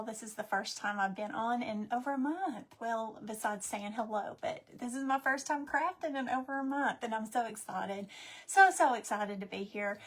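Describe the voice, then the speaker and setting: Woman host, bubbly and chatty, slightly high voice, casual craft live-stream talk from home. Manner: chatty and excitable, greeting viewers by name.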